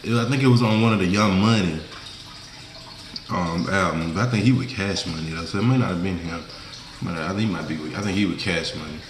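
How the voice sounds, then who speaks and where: A man's voice: low-pitched, a little fast, echoey room, a little hiss or hum. A young man with a rural Mississippi Southern accent, chatting casually and colloquially to viewers as a food vlogger. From Mississippi, USA. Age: young adult. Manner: colloquial, folksy, informal slang. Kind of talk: casual mukbang chat to viewers. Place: small indoor room, seated at a table.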